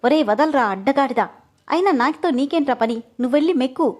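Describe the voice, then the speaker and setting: A woman's voice: high-pitched, animated, fast talker. A woman voicing jealous, sarcastic young Neha. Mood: furious. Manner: sharp, sarcastic and scolding.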